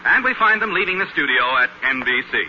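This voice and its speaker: High-voiced 1940s radio announcer, old radio show. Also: male voice, lively intonation, bright, forceful tone, a little hiss or hum. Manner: emphatic, measured announcing. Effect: old radio show broadcast. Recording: dull lo-fi old radio recording with music.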